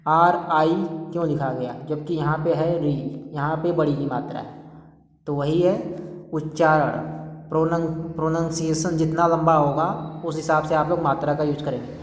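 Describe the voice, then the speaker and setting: A patient teacher giving a step-by-step spelling lesson, spelling out letters slowly and often checking that the listener is following. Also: mid-range voice, steady tone. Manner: patient, repeats "ठीक है" to check understanding. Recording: echoey room, long reverb.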